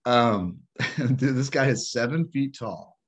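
A man co-hosting a podcast, chatting casually about sports in a rambling, halting way full of restarts. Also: medium pitch, expressive, breathy edge. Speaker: podcast co-host.

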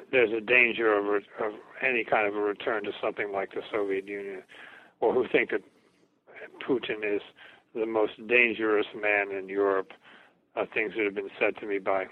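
An older man, a historian, answering interview questions in a reflective academic way, halting and repeating words as he thinks. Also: on the low side. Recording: tinny phone-like radio recording.

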